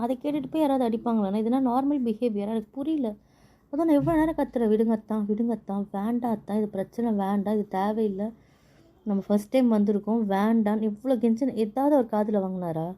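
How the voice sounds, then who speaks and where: A defiant young wife in an audio drama, played by a woman. She talks fast, in a fairly high, dark, mellow voice, and repeats her refusals over and over. Under the anger she is hurt. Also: lightly acted.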